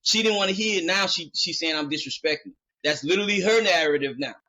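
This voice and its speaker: A man's voice: sits high, quick pace. A man hosting a podcast, telling a long story in a loose, rambling way with lots of fillers and acted-out quotes. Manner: animated retelling, acting out quoted dialogue. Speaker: podcast host. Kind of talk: casual storytelling.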